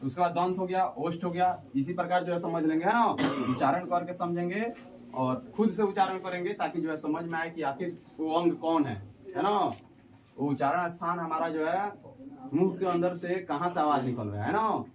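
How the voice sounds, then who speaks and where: A man teaching a classroom lesson, asking the class questions and repeating their answers with drawn-out syllables. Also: fairly high pitch. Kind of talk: classroom Hindi grammar lesson. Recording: distant mic, noisy class around.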